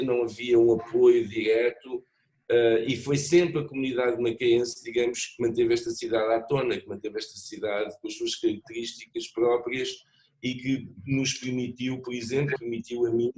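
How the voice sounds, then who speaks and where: On a discussion panel, a middle-aged man from Macau thinks aloud in a measured, reflective manner, often hesitating and restarting his phrases. His voice is even and mid-pitched, and the audio quality is poor.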